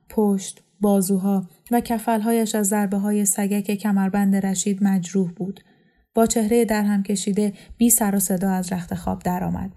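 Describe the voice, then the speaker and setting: A woman reads a novel aloud in scripted audiobook narration. Her voice is mellow and warm, with an even, unhurried flow. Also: mid-range voice. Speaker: audiobook reader.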